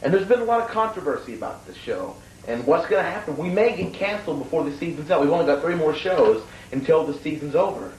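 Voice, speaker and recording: A man's voice: fairly high pitch, lively intonation, fast talker, few pauses, darkish tone. A man hosting a homemade comedy sketch show, giving an indignant, mock-serious rant that stammers now and then. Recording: echoey, distant, slightly noisy room.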